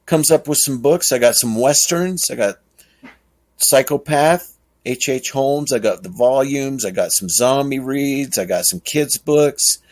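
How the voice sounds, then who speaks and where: A man's voice: medium pitch, a little mellow. A man hosting a podcast, talking casually in a rambling, chuckling way. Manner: rambling, chuckling, slow and drawn out. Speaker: podcast host. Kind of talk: casual monologue.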